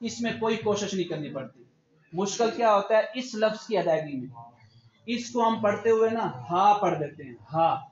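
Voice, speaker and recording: A man teaching a religious class with a Pakistani Urdu accent, slowly drilling Arabic sounds and repeating them for students. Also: high-pitched, expressive. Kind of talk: tajweed pronunciation lesson. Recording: roomy, dull lo-fi, loud hiss.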